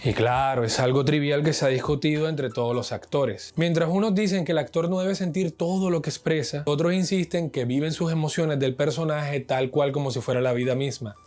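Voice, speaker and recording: A man teaches acting in a video lesson. He talks straight to the viewer in a didactic, chatty way, slipping in casual asides. His voice sits a little high. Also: a little mellow.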